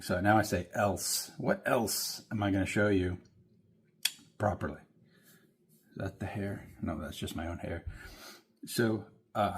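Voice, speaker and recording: A man with a northern US accent and a lowish, breathy voice shows off his toy car collection in casual show-and-tell. He rambles offhandedly and often corrects himself mid-sentence.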